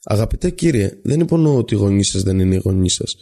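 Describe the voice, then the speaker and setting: A man voicing a calm, composed young male student who argues patiently with his professor, speaking in a measured way. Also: lowish voice, creaky. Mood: gentle. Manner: measured, patient, then gently persuasive.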